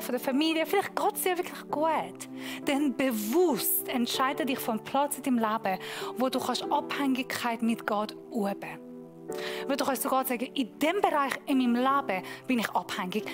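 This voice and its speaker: A woman pastor delivers a sermon in a high voice. She preaches emphatically and slows right down on the points she wants to land. Clear music plays behind her. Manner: emphatic preaching, slowing down to stress key points.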